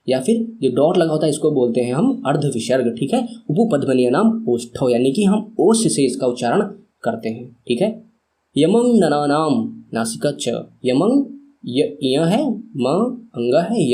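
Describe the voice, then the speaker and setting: A male teacher giving a lesson, chanting short rhymes over and over and coaxing listeners to repeat, with quick asides between slow drills. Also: on the high side, dark tone. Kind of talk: classroom lesson with chanted repetition.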